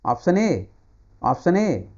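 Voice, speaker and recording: Male Hindi-speaking grammar teacher, Indian accent, mellow dark voice, drills viewers with repeated words. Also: high voice, very animated, slow pace, gravelly, dull audio. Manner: repeats key words, drills viewers with timed quiz questions. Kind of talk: online exam-prep grammar lesson.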